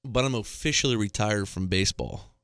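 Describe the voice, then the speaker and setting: A man's voice: lowish voice, fairly quick, fairly bright tone, dry recording, clean studio sound. A man in his thirties telling a rambling, exasperated comic story into a microphone, with self-mocking asides. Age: 30s. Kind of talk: comedic monologue. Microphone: studio microphone.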